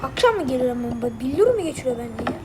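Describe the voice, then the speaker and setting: A woman's voice: fairly high pitch, expressive, fast talker, very noisy. A woman giving let's play gameplay commentary, muttering to herself in frustration and swearing often. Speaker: gamer.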